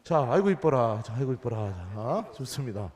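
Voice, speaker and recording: A man, a priest, giving a lively homily to children and playing a quiz game with them in a church. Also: mid-range voice, moderate pace. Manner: playful, counts down and teases the children. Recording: reverberant church hall.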